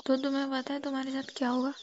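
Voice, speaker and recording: On a noisy, dull-sounding phone line, a young adult woman presses her boyfriend with insistent questions in a casual couple's chat. She speaks at a racing pace in a high voice with a completely flat delivery.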